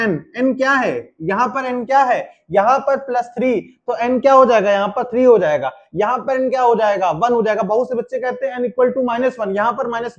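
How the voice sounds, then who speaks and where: A man teaching a chemistry class, explaining step by step and asking and answering his own questions. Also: very high voice. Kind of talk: classroom lecture.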